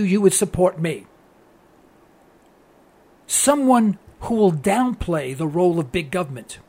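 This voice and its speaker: A man with a high, slightly mellow voice and a New York accent hosts a political talk radio show. His monologue is earnest and preachy, and he repeats phrases for emphasis.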